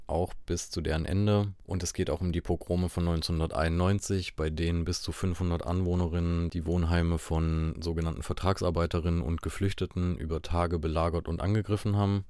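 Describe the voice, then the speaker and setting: Man, podcast host, very low voice, dry close sound, calm measured scripted reading. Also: dry recording. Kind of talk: scripted introduction.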